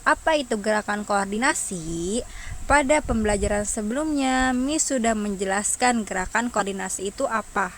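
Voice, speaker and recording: A woman's voice: medium pitch, normal speed, a little hiss or hum. A woman primary school teacher, giving an online lesson to young children and patiently asking them questions before answering them herself.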